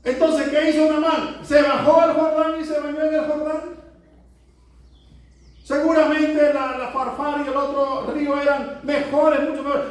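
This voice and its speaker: A male pastor preaching with an unusually high voice, putting rhetorical questions to his flock. He sounds set back from the mic, and the church around him rings with heavy echo. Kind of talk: sermon. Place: church sanctuary. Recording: echoey church from a distance.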